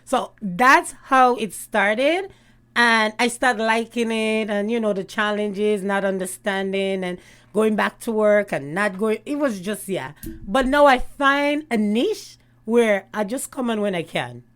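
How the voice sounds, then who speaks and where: A woman's voice: mid-range voice, unhurried, fairly bright tone. A middle-aged woman from Canada, a guest in a casual chat who tells stories in a chatty way and laughs often. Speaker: guest, YouTube gossip host.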